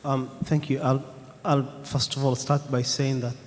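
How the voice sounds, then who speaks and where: A man on a conference panel answering audience questions in a measured, thoughtful way, pausing with "um" between points. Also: mid-range voice, little pitch movement. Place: conference hall. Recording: reverberant conference hall, faint room noise.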